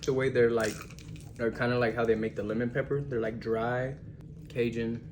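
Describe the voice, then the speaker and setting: A woman's voice: very deep voice, level tone, normal speed, darkish tone. A woman hosting a mukbang, chatting casually in an eating-video style. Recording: clearly noisy room recording.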